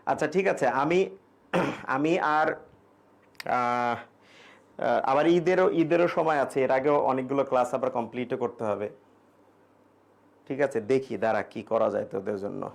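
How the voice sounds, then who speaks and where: A young man with a gravelly, medium-pitched voice speaks a little slowly and pauses often during an online exam-prep grammar class. He explains English grammar casually in Bengali with English examples, reading students' questions aloud and answering them.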